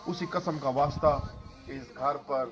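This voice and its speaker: A man's voice: medium pitch, fairly even intonation, fairly bright tone, faint music behind. A man preaching a sermon of devotional storytelling and prayer, impassioned, with a chanting cadence in the prayers, at a gathering in a home. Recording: dull lo-fi recording.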